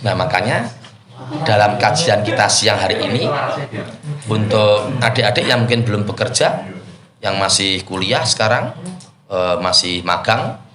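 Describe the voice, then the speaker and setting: A man giving an Islamic study talk as a preacher, lively and acting out prayers and mock intonation. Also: fairly low pitch, measured pace, long pauses, crowd noise. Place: company prayer hall. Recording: echoey room, faint noise.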